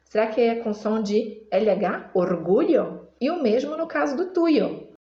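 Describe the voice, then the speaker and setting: A woman's voice: a little high, animated, dark tone. Patient woman teaching, echoey room. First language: Portuguese. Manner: patient, repeats words slowly for practice. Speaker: Spanish teacher. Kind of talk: explaining song lyrics in a language lesson. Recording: echoey room, slightly dull sound.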